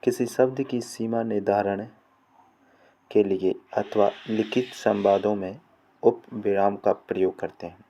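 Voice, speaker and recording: A man reading a grammar lesson aloud in a measured way, going through definitions and examples one at a time. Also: on the low side, fairly even intonation, mellow. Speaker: teacher. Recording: muffled lo-fi with faint hiss.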